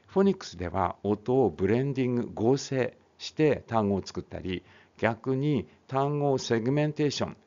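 A man's voice: on the low side, creaky, a little mellow. A man teaching English phonics, reading a text aloud and then explaining it casually, often correcting himself. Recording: dull lo-fi recording.

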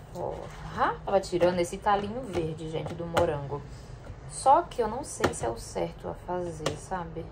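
A young woman vlogs from her home kitchen, sorting food and chatting casually to her viewers, whom she addresses often, while a camera on the counter films her. Her voice is fairly low in pitch, with background noise present.

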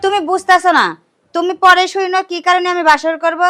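A young woman playing a scheming young woman who talks briskly and gives orders. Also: very high voice, steady tone, fairly bright tone, no echo, studio quality, faint music behind. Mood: bossy. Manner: brisk, sly and commanding. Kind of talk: comedy TV play acting.

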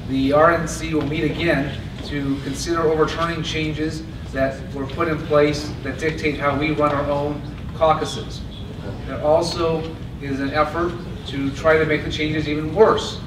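A man giving a steady, earnest convention stump speech at a podium microphone. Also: a little high, a little slow. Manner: earnest, steady delivery with occasional restarts. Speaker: party chair candidate. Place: large convention hall, indoors. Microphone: podium mic on stand. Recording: echoey hall from a far camera with noise.

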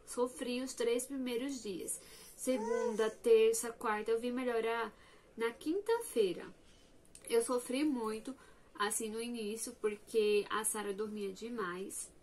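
A young woman vlogger chatting casually to her viewers, telling a personal story in an animated, talkative way. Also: on the high side, slow, a little hiss or hum.

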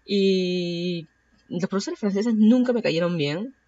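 The speaker, a Peruvian woman in her thirties with a Peruvian Spanish accent, rambles through her casual solo podcast, full of fillers and self-corrections. She speaks slowly in a mellow, mid-range voice; there's no echo, but the highs are cut off.

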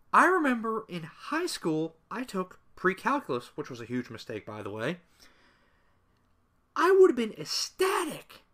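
A young gaming video creator with a high-pitched, somewhat bright voice rants casually to the camera. His opinions come out sarcastic and rambling, packed with asides.

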